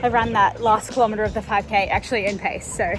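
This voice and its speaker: A woman's voice: mid-range voice, fairly even intonation, fast. A young woman vlogging casually while running, out of breath as she talks. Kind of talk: casual vlog check-in. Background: music.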